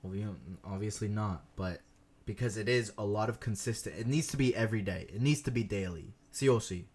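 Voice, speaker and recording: A man co-hosting a podcast in relaxed, casual chat, switching between English and Spanish mid-sentence and laughing often as he tells stories. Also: lowish voice, moderate pace, breathy edge. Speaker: podcast co-host, language learner.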